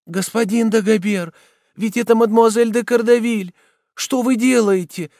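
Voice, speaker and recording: A man voicing a frail, timid seamstress in an audiobook, pitched high above his own voice. She begs softly but urgently. The sound is dry and close. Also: fairly even intonation, moderate pace, no room sound. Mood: pleading. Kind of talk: audiobook character reading.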